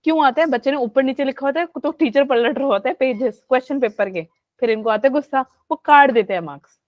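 A woman's voice: sits high, quick pace, no echo. A woman teacher leading a live online class, chatty and coaxing, mixing English into her talk. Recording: dull lo-fi online audio.

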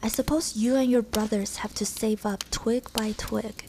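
A woman's voice: fairly high pitch, steady tone, moderate pace, warm tone, a little hiss or hum, close to an everyday voice. A woman voicing a spiteful, snobbish schoolboy rival with a sneering, snappish manner in a whispered role-play.

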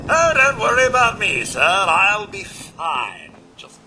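Prim, high-pitched robot butler. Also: male voice, very animated, slow pace, bright, forceful tone, slight background noise, exaggerated voice. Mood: dutiful, reassuring. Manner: prim, polite, servile. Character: courteous, dutiful male robot butler. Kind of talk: video game voice acting.

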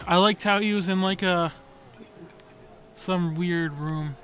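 A man's voice: high-pitched, fairly even intonation, a bit bright, slight background noise. A young man chatting and joking while playing a video game with a friend. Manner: joking, playful, quick comebacks. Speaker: gaming co-host. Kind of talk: casual gameplay chat.

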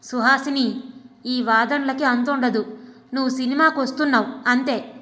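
A woman's voice: sits high, moderate pace, pushed and bright. A woman voicing a domineering, contemptuous husband who talks harshly and scolds his wife. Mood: bossy, scornful. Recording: long hall reverb.

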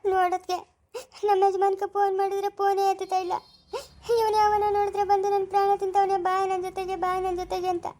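A woman's voice: extremely high pitch, level tone, very fast, darkish tone. A woman voicing a distressed young new mother in a homemade family skit, pleading and tearful, with a Chikkaballapur Kannada accent.

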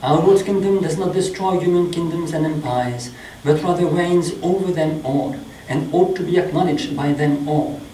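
A middle-aged man with a French accent, a priest reading a sermon slowly and in a measured way in a small chapel. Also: a little high, dark tone, a little hiss or hum. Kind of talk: sermon read from notes. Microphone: stand mic. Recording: echoey chapel, mic at a distance.

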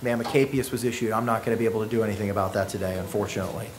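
A man serving as judge in a courtroom recording, setting bonds and reading case numbers in a measured, procedural manner. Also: fairly low pitch, fairly even intonation. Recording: echoey courtroom audio, faint noise.

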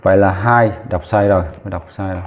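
A man's voice: deep voice, fairly even intonation, fairly quick, a little hiss or hum. A man teaching chemistry, talking as he writes, counting aloud and correcting himself along the way. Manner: talks while writing, counts aloud, corrects himself mid-step. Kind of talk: lesson at a whiteboard. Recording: tinny phone-like audio.

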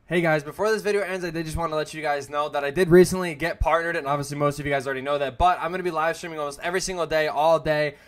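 A man's voice: a little high, fairly even intonation, rapid-fire, hardly any pauses, faint music behind. A young man talking casually through a video game tutorial for his channel, chatty and full of fillers and self-corrections. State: has the hiccups. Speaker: gaming YouTuber. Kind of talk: casual gameplay tutorial commentary.

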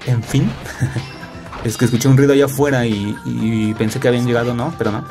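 Man, Mexican Spanish accent, young adult, casual gameplay commentary, average pitch, faint music underneath. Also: steady tone, fairly quick. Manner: joking, chatty, full of fillers and tag questions. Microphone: laptop recording.

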